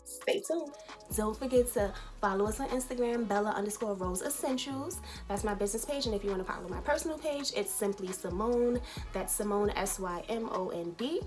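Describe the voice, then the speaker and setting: A woman's voice: medium pitch, a little fast, darkish tone. Chatty woman with faint music behind. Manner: chatty, addresses viewers as y'all. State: out of breath. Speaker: small business owner teaching a tutorial. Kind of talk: casual how-to tutorial.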